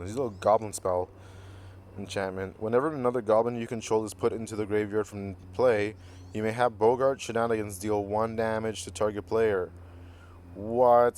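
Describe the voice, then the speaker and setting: Man, lowish voice, casual card review, goofy, jokey, reads card text aloud. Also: a little mellow. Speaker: card game channel host.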